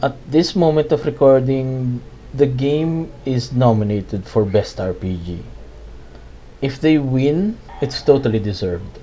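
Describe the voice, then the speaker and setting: A man's voice: medium pitch, measured pace, mellow, dull audio, a little hiss or hum. A man narrating a video essay that reviews a game, with dry sarcastic asides.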